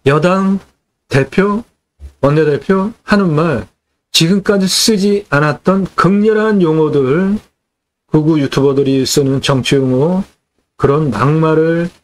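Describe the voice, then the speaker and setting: A man's voice: a little high, unhurried. A middle-aged man hosting a land sales channel, delivering an indignant, scolding political rant.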